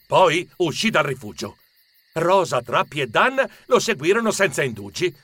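A man narrating a children's story with expressive storytelling. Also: fairly high pitch, moderate pace, husky.

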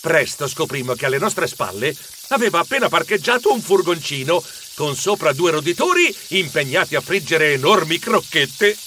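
Expressive male storybook narrator. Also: a little high, normal speed, a little hiss or hum. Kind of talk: audiobook narration.

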